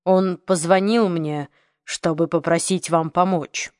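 A woman reading the part of an aging gangster, speaking slowly and coldly in a lowered voice. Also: steady tone, darkish tone, no room sound, studio quality. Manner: slow, measured, menacing. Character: aging old gangster, cold and menacing man.

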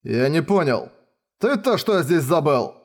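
A man voicing a hot-tempered young male mage who shouts in exasperated outbursts. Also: a little high, very animated, a little slow, heavily acted. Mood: grumbling.

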